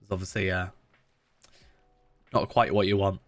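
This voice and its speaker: A man chats casually while live-streaming a game, thinking out loud with plenty of fillers and restarts, his blocked nose giving him a slightly nasal sound. His voice sits low with little pitch movement, at a normal speed and a bit bright, with no room sound.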